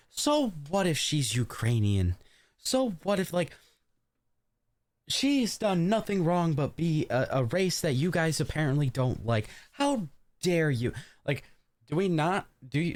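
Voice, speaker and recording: A man streaming his reaction to a video, talking casually in a profane, emphatic, rambling way. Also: medium pitch. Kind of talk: casual live reaction commentary.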